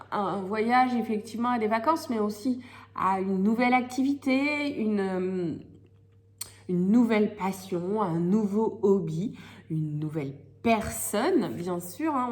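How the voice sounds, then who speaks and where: A woman's voice: mid-range voice, measured pace, a little mellow. A woman with a slightly cracked voice from a head cold, chatting casually and searching for words as she reads tarot cards. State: has a lingering head cold. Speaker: tarot reader hosting monthly horoscope videos. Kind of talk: casual chatty card-reading commentary. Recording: clearly noisy recording with clicks.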